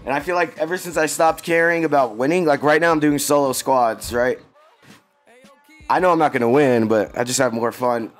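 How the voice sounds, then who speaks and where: A man's voice: mid-range voice, normal speed, soft background music. A man streaming a game, chatting casually and slangily with his viewers in a laid-back way. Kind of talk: casual livestream chat.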